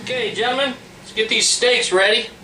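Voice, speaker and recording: A high-voiced man walks through a recipe in a casual, folksy way. He sounds set back from the mic in a roomy kitchen, with a fan running noisily behind him. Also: a little fast. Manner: folksy, plain-spoken. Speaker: home cook presenting a recipe. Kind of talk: casual cooking demonstration. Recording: roomy, noisy fan hum, distant mic. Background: fan noise.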